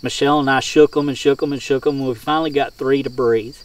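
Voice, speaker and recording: A man's voice: mid-range voice, steady tone, quick pace. A middle-aged man, a hog hunter, tells casual first-person hunting stories in a folksy, countrified way of speaking. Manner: folksy, rural colloquial phrasing. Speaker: hog hunter and game caller. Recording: distant mic outdoors with insect sounds.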